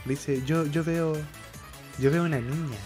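A man's voice: fairly high pitch, steady tone, unhurried, a little mellow, faint music behind. A young Chilean man co-hosting a podcast, telling a story in casual chat, acting out the quotes, swearing and laughing often. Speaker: podcast co-host.

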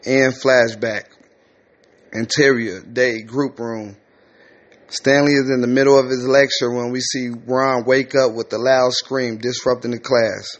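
A man's voice: medium pitch, dull audio. A man reading a screenplay aloud, including its stage directions. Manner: plain, reads stage directions.

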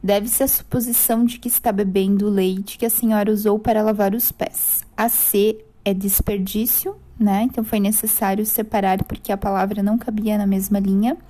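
A Brazilian woman teacher going through textbook answers and spelling out syllables slowly, one by one. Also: medium pitch, little pitch movement, mellow. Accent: Brazilian Portuguese. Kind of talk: correcting a textbook exercise.

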